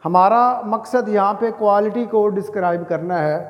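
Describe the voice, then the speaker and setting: A man teaching English grammar, dictating example sentences slowly and deliberately, then asking questions and answering them himself. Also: sits high, muffled recording. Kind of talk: grammar lesson. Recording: echoey room with long reverb.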